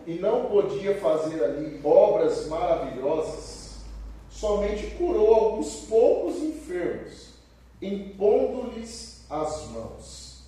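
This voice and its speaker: Echoey preacher, lively quoting. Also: male voice, slow pace. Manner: animated, acts out quoted speech with sudden pitch jumps. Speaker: preacher teaching at a church service. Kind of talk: sermon teaching, reading scripture aloud and explaining it. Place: church hall. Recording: very echoey church hall, voice far from the mic.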